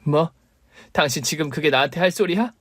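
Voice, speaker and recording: A man's voice: on the high side, brisk, fairly bright tone, no room sound, studio quality, voice pushed up. A man voicing a hurt, long-suffering middle-aged mother who talks in a pleading, emotional way. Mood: angry.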